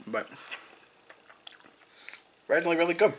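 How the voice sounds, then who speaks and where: A man's voice: on the high side, expressive, unhurried, a bit bright, a little hiss or hum. A young man casually rambling in a food-tasting vlog, repeating himself and talking with his mouth full. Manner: rambling, repetitive, eats and talks with mouth full. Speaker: vlogger.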